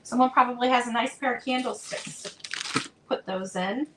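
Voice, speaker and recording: A woman selling vintage items, chatting casually and meanderingly as she unpacks, with plenty of fillers, and a voice that is going a bit hoarse. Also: on the high side, normal speed, background noise. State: losing her voice. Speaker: vintage seller showing stock. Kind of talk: casual unboxing chat.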